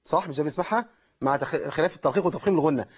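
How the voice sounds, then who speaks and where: Brisk Egyptian sheikh teaching recitation. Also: male voice, a little high, slightly rough, dull audio. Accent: Egyptian Arabic. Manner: explains step by step, checks in with listeners. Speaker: Quran recitation teacher and host. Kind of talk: call-in tajweed lesson.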